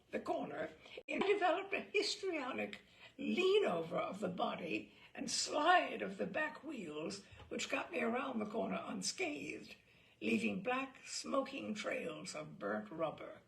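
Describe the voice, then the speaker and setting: A woman reads a literary story aloud, expressive, theatrical and deliberate. Her voice is gravelly and creaky, and a little high.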